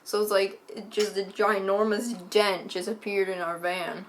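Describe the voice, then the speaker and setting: A woman co-hosting a casual chat, telling a long story with many "like"s and deadpan asides. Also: mid-range voice, moderate pace, a little hiss or hum. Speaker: co-host.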